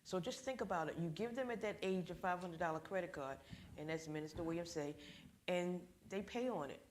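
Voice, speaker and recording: Animated woman teaching a church class. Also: lowish voice, a little fast, slight background noise. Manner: animated storyteller, acts out voices. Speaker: ministry financial class leader. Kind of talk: church group discussion.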